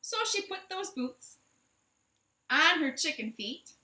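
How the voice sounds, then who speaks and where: A library storytime host reads to children in a living room, her high-pitched voice moving through lively, sharp intonation at an unhurried pace. She tells the stories playfully and asks her young listeners questions, with a roomy home echo around her.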